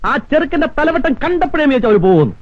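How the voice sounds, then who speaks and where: A man's voice: very high voice, sing-song, rapid-fire, muffled recording. An actor playing a grumpy middle-aged bank manager husband, who grumbles and teases his wife in film comedy dialogue. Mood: grumbling. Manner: grumbling, teasing complaints. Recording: phone-thin film audio with faint music.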